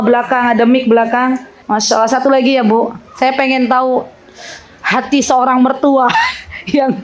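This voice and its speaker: Lively high-voiced female religious teacher. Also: rough recording. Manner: lively, teasing, laughs often, questions audience. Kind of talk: interactive religious talk with audience.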